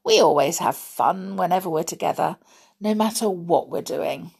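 A woman reading aloud, voicing a calm, upbeat young girl who reassures her friend. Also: fairly low pitch, normal speed, vocal fry, breathy edge, exaggerated voice. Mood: reassuring.

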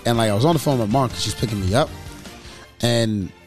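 A man's voice: medium pitch, fast talker, faint music behind. A young man, co-hosting a podcast, talking sports in casual chat with swearing and acted-out quotes. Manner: animated, profane, acts out quotes in raised voice. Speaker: podcast co-host.

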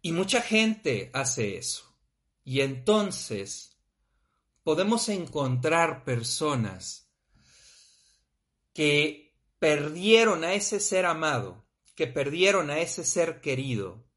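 A man's voice: a little high, slow pace. A man with a Mexican accent, talking bluntly and casually about grief, with frequent swearing. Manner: blunt, profane, animated. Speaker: podcast host.

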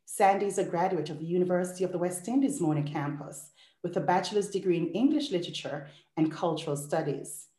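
A woman's voice: on the low side, quick pace, mellow, reverberant. A woman hosting a podcast, reading an intro in an effusive, rhythmic listing style and then interviewing a guest. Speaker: podcast host.

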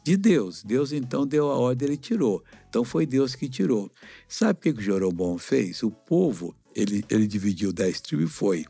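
A man's voice: medium pitch, very animated, moderate pace, gravelly, dark tone, husky, no room sound, soft background music. A middle-aged man with a Brazilian accent teaching a children's Bible lesson like an uncle, explaining and asking simple questions. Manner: avuncular, didactic, asks questions. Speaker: missionary Bible teacher, host.

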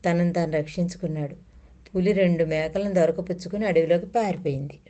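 A woman telling children's stories in a slow, clear storybook manner. Her voice sits a little low and sounds soft and mellow. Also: fairly even intonation.

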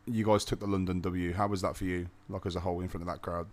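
A man hosting a casual interview, relaxed and teasing. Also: sits low. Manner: relaxed, teasing, quick to laugh. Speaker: interviewer, podcast host.

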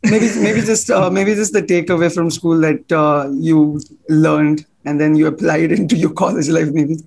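A man's voice: fairly high pitch, fairly even intonation, normal speed, vocal fry, a little mellow, a little hiss or hum. A young man co-hosting a podcast, joking and asking questions in a casual way. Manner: joking, asks questions with restarts. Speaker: podcast co-host. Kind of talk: casual chat.

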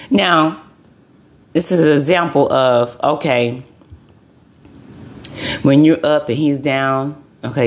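Blunt, cussing woman ranting. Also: deep voice. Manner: profane, blunt, repeats herself for emphasis. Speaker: tarot card reader vlogger. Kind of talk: heated ranting monologue.

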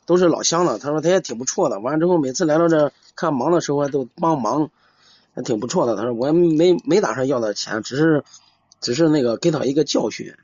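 A man calling in for advice, chatting casually in a hesitant, halting way and repeating himself. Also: on the high side, expressive, darkish tone, dry recording. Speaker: caller seeking advice. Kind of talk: casual chat. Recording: dull lo-fi live call.

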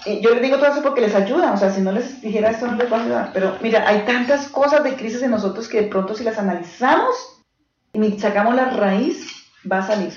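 Speaking quickly in a fairly high, slightly mellow voice, this earnest woman delivers a teaching talk to a small group gathered in the room. Her style is direct, she illustrates points with pastoral case stories, and she keeps checking on her audience. Sound quality is echoey, dull, lo-fi, and faintly hissy.

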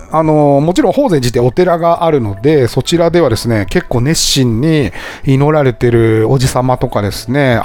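A man's voice: mid-range voice, a little mellow. A man hosting a casual travel podcast, chatting and often laughing at his own stories. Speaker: podcast host and travel Instagrammer.

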